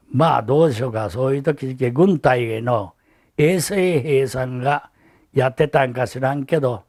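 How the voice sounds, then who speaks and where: An elderly man speaks with a Hiroshima accent at a medium pitch. He recalls his past as a witness giving testimony. His telling is halting and reflective, in the manner of an old man looking back. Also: darkish tone. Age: elderly, 80s or older. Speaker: atomic bomb survivor giving testimony. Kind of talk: recorded oral testimony, reminiscing.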